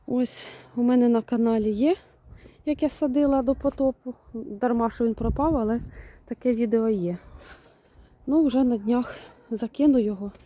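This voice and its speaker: A woman vlogging casually outdoors in her farmyard, chatting to viewers and scolding and shooing her poultry with laughs. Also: fairly high pitch. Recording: outdoor video with loud farmyard noise. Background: chickens, roosters and fowl clucking and crowing.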